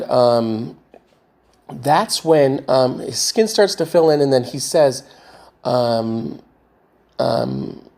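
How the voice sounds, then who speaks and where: A man talking in a rambling casual monologue, halting often with fillers and restarts as he tries to recall what he said before. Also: medium pitch, a little mellow. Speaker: vlogger retelling a movie rewrite.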